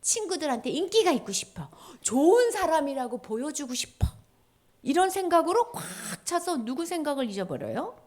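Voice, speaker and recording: A woman giving a children's sermon at church, telling the story with animated voices and dramatic shifts. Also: high voice, normal speed.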